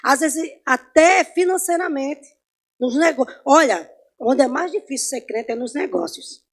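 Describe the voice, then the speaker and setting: A woman teaching an informal Bible class in church. She tells personal stories, asks the class questions and swings between loud and soft. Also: high voice, lively intonation, unhurried. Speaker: Sunday school Bible teacher.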